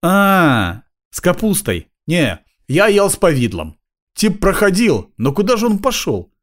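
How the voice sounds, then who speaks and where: A man voicing a crude, raspy male street bum who swears and drawls. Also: high voice, wildly swooping pitch, measured pace, voice pushed up, heavily acted. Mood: wheedling. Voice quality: raspy, hoarse.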